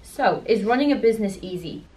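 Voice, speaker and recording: A woman's voice: medium pitch, lively intonation, brisk, a little mellow. A young woman, co-owner of a beauty business, chatting casually through a Q&A and leaning on "you know" and "like". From rural Ireland. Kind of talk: casual Q&A chat. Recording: slightly distant mic with faint noise.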